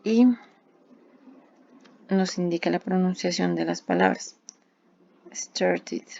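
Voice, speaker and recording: Teacher, woman, low and very gravelly, patient step-by-step explainer, muffled lo-fi recording. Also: steady tone, unhurried, dark tone. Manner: patient, step-by-step with rhetorical questions. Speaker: English teacher. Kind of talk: explaining grammar rules. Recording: dull lo-fi recording.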